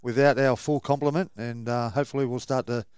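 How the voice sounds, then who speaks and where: A man's voice: medium pitch, steady tone, fairly quick, darkish tone, smooth, no echo, studio quality. An Australian man giving casual post-match chat as a sports radio panellist.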